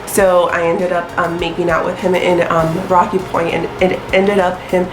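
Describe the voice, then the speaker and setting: A young astrology vlogger in her twenties chats casually to camera with plenty of ums and likes, her nose stuffy from a sinus infection. Her voice is fairly low and flat at a moderate pace, recorded in a reverberant space with background noise.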